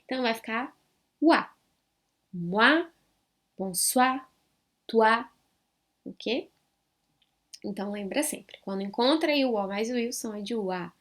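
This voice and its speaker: A woman with a Brazilian Portuguese accent teaching a French lesson online. She repeats each sound slowly and clearly for learners and keeps checking in with the viewer. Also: a little high. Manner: chatty, with frequent check-ins to the viewer.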